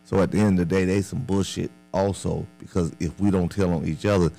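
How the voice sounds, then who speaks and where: A man's voice: low-pitched, steady tone, a little fast, gravelly, warm tone, soft background music, rough recording. A man arguing in a casual group debate, slangy and often repeating himself to press a point.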